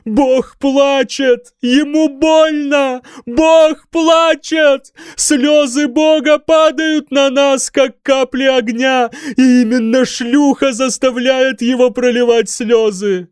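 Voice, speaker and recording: A man's voice: high-pitched, animated, slow, few pauses, darkish tone, no room sound, clean studio sound, pitched above the performer's own voice, heavily acted. A man voicing a blind, raving monk who wails and chants fanatical accusations. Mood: shrieking. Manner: shrieking, wailing chant.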